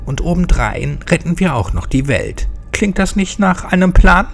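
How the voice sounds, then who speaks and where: A man's voice: a little high, sing-song, moderate pace, a little mellow, a little hiss or hum, pitched above the performer's own voice. A man voicing a tough young woman who speaks firmly and with a combative edge. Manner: firm, combative. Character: tough, brash young woman, calm leader.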